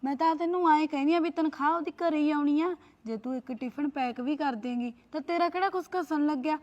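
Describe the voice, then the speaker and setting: A woman's voice: high voice, brisk, a little mellow, highs cut off, close to an everyday voice. A woman playing a sly young sister-in-law who coaxes and needles. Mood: needling. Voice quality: coaxing, needling. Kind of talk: short family drama.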